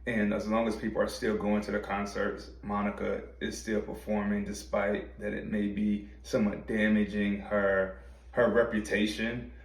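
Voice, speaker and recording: Gravelly man talking a bit off-mic. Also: fairly low pitch, flat delivery, echoey room, far from the mic, low-quality recording. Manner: thoughtful, measured, with slips and restarts. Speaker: podcast co-host. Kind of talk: casual chat.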